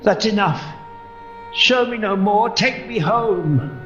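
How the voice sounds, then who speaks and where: A man playing a frightened, pleading old miser in a radio play, speaking haltingly. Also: sits high, lively intonation, a bit bright, exaggerated voice. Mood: anguished, pleading. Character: elderly male miser Ebenezer Scrooge, frightened and pleading. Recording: echoey, muffled, music behind.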